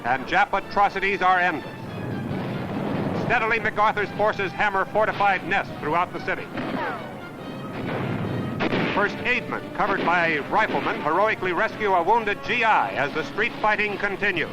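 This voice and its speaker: This American commentator narrates a 1940s newsreel in a high-sitting voice at normal speed, delivering clipped phrases in a dramatic, emphatic, declamatory style. The noisy soundtrack carries music, artillery fire and battle sounds.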